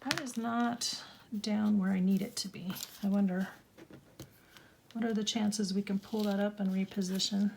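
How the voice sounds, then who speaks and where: Middle-aged woman a bit croaky, rambly crafting chat at home, faint hiss behind. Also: mid-range voice, fairly even intonation, moderate pace, a little mellow. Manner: chatty, rambling, self-deprecating, laughs often. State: a little croaky. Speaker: craft channel host. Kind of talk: casual chat while crafting.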